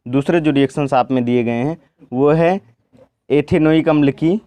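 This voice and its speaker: Guy teaching chemistry slow and careful, keeps asking and answering, kinda high voice, dry sound. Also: mellow, no room sound. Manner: asks questions and answers them himself, repeats "ठीक ना"; speaks slowly and deliberately. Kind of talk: board lesson, step by step.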